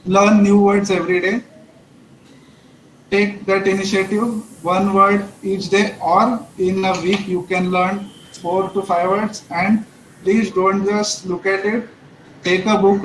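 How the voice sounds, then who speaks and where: A man presents a webinar in a fairly high, even voice that stays level as he works through his points. He repeats phrases and keeps checking in with his listeners. The recording sounds roomy and echoey, with faint ambience behind it. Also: a little hiss or hum. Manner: restarts and repeats phrases while speaking. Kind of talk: instructional webinar talk.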